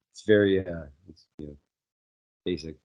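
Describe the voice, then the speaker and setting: A man's voice: sits low, unhurried, a little mellow, muffled recording. A man co-hosting a podcast, talking casually about a film, swearing freely and acting out quotes. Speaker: podcast co-host. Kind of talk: casual movie chat.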